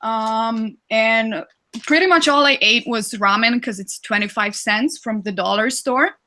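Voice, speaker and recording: A young woman with a high, bright voice chats as a podcast guest. She speaks slowly and playfully, with frequent giggles. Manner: giggly, playful, slow-spoken. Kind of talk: casual chat.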